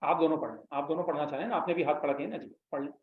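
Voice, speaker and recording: A man's voice: fairly high pitch, rapid-fire. A man teaching an Arabic class, patiently explaining and prompting students to repeat after him. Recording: echoey room, slightly dull sound.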